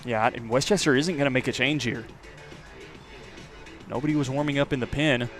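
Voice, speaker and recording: Faint music plays behind this medium-pitched American man as he delivers live radio play-by-play of a baseball game. He keeps a measured tone between plays and raises his volume during the action.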